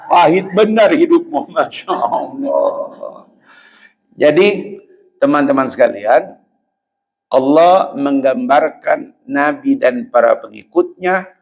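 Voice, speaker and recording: A male preacher delivers a light-hearted religious talk, full of jokes aimed at his listeners and sudden loud exclamations. His voice has a gravelly edge, and the recording sounds dull and lo-fi. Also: fairly high pitch. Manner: joking, teasing the audience with sudden loud outbursts. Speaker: Islamic preacher. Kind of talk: humorous religious lecture.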